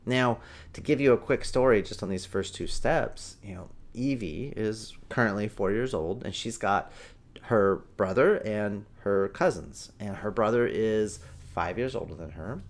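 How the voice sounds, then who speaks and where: Animated man hosting a parenting show. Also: on the low side, a little slow. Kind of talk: energetic parenting advice talk.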